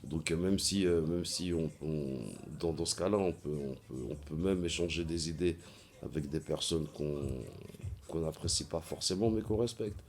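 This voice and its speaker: Guy with a super deep voice rambling on his vlog, lots of ums and restarts. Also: a little mellow. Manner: halting, many fillers and repeated words. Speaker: vlogger. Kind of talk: casual monologue.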